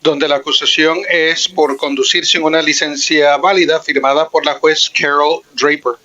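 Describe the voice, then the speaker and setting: A man interprets live for a court, his translation voice carried in over a muffled, lo-fi line. He talks fast, in a formal, even relay of each statement. His tone is bright and crisp, sitting a little high for a man.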